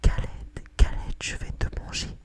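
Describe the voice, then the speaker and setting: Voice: a little slow, natural voice. A narrator voicing a hungry, menacing forest beast from a storybook, in whispered role-play. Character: hungry forest beasts: rabbit, wolf, gruff bear.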